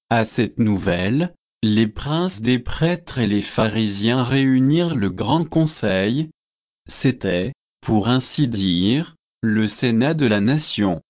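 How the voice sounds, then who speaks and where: A man reading a religious history book aloud as an audiobook narrator, in a measured, solemn manner. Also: mid-range voice, darkish tone. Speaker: audiobook reader.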